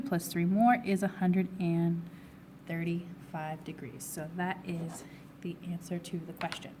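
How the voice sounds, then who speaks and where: A woman teacher with a hoarse, fading voice, working step by step through a recorded math review and asking herself questions before answering them. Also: mid-range voice, darkish tone, slight background noise. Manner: steps through problems, asking and answering her own questions. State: hoarse, losing her voice, with coughs. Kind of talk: recorded test review lesson.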